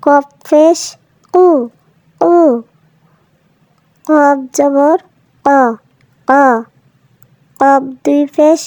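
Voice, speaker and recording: A woman's voice: high voice, flat delivery, very slow, long pauses, mellow, dry recording. A woman teaching children to read Quranic letters in a cartoon lesson, voiced over the animation. She patiently sounds out each syllable and repeats it twice. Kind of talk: slow phonics drill for children.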